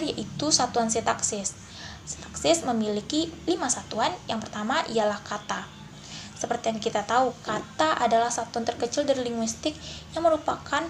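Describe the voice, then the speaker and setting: Young female student presenting, slightly high voice, faint hiss behind, slow on examples. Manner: explanatory, slow over example sentences, frequent fillers. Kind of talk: class presentation on syntax.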